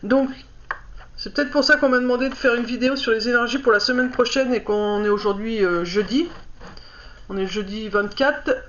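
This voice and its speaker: A woman's voice: a little high, normal speed, fairly bright tone. A woman giving a casual oracle card reading to the camera, hesitant and stumbling with many fillers as she reads. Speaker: card reader. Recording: dull lo-fi recording.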